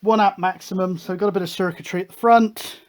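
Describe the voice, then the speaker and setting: A man's voice: high voice, steady tone, quick pace. A British man hosting a hobby electronics video, talking through a hands-on demonstration in a chatty, matter-of-fact way.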